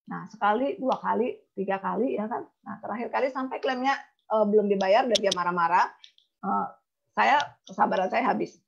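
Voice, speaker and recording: A woman's voice: medium pitch, moderate pace, creaky, lo-fi sound, noisy background. A woman insurance agent telling a personal story in a talk, emotional and acting out the dialogue. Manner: emotional, acts out quoted dialogue.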